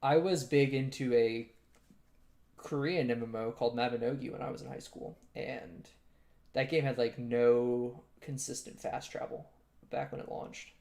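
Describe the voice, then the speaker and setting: Young male co-host, gravelly fry, relaxed halting chat. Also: mid-range voice. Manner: easygoing, halting, laughs often. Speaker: podcast co-host. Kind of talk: casual chat.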